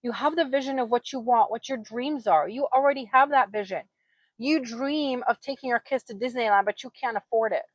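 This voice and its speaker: A woman's voice: fairly high pitch, brisk, no echo. A woman in her forties from Poland, hosting a livestream and talking earnestly and casually straight to her viewers. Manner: chatty, earnest, addresses viewers directly. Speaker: livestream host. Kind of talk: casual motivational livestream talk. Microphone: own microphone.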